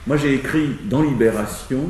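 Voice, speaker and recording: A male sociologist who lays out his argument aloud, pausing and restarting as he thinks it through. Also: mid-range voice, a little mellow, roomy sound, far from the mic. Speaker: sociologist in a discussion. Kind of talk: spoken lecture-style argument.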